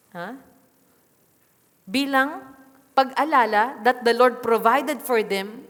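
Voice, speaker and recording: A Filipino woman pastor preaches with a fairly high voice. She mixes English phrases into her Tagalog and keeps checking in with the congregation. Her voice carries a long hall reverb. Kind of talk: sermon. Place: church.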